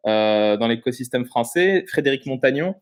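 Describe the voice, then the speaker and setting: As a guest in a casual interview chat, a Moroccan-born man in his thirties speaks at an ordinary middle pitch. His explanations run long and relaxed, and he halts often to search for words.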